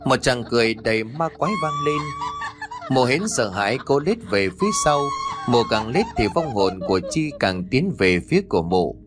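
Expressive male ghost story narrator. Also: mid-range voice, normal speed.

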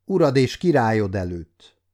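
A dignified medieval king who speaks sternly and with authority, voiced by a male audiobook reader. The voice is dark and mellow. He weighs each word. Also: on the low side, expressive. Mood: commanding. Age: 50s. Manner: commanding, measured.

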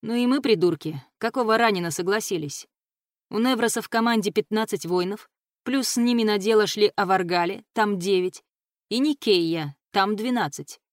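A woman's voice: mid-range voice, normal speed, no echo, clean studio sound, lightly acted. A woman reading an audiobook voices a weary, sarcastic male mercenary who grumbles sardonically. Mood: grumbling.

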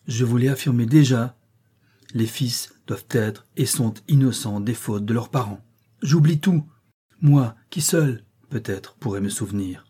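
A brave young hero speaks earnestly in a warm, vibrant voice, as a male narrator reads him. The voice is mellow and slightly husky. It is an audiobook reading. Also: mid-range voice, steady tone, moderate pace, lightly acted. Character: brave young Frenchman, loyal friend.

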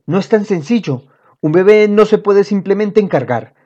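A woman reading aloud, voicing a calm, patient father in a children's storybook, speaking in a measured, soothing way. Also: medium pitch, voice pushed up, lightly acted. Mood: explaining. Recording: dull lo-fi audio.

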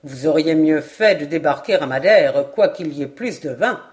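A woman voicing a composed male Scottish lord with a dry sense of humor, speaking calmly and deliberately. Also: low-pitched, voice pushed down. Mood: teasing. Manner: calm, deliberate, teasingly serious.

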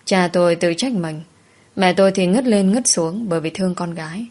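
A woman narrating a first-person audio story in a soft, sorrowful storytelling manner. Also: fairly low pitch, normal speed.

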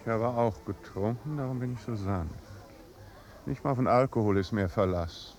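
An actor playing a languid, deadpan aristocratic duke in a 1950s radio drama. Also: male voice, on the low side, moderate pace, lightly acted. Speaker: duke at a party.

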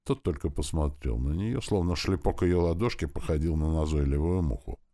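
A man narrating an audiobook in an expressive, dramatic reading style. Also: rumbling low, moderate pace. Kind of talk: scripted narration.

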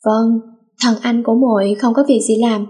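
A woman's voice: on the high side, steady tone, normal speed, mellow, lightly acted. A woman voicing a young man who teases and threatens his little sister in a read-aloud story. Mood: threatening. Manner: mock-threatening. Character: teasing older brother, young man, threatening.

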